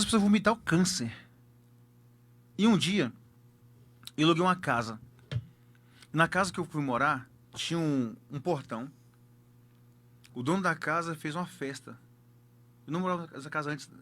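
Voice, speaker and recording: A man's voice: on the high side, fairly bright tone. A man with a Brazilian accent, a pastor telling a personal testimony emphatically and repeating key words for effect.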